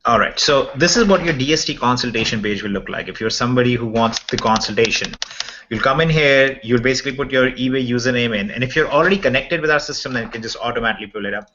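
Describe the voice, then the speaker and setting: A man's voice: mid-range voice, quick pace, sharp tone, slight background noise. A man hosting an online members' update, chatting casually as he walks through pages on a shared screen over a video call. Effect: heard over a video call. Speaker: host presenting member updates. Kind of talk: casual webinar walkthrough. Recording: dull lo-fi video call audio.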